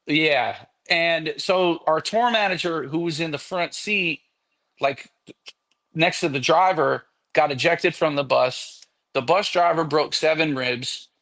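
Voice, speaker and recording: Animated, profane storyteller, fairly high voice. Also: male voice, slow. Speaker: podcast guest musician. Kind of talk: casual anecdote telling.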